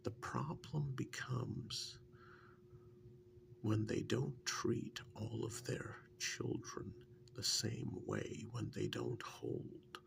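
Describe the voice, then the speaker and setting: This ASMR role-play has a man speaking as a teasing, fondly reminiscing male partner who was once a captive, in a lowish, heavily acted voice. His breathy half-whisper carries gravelly fry and moves in a halting, conversational way. The feeling is wry and nostalgic.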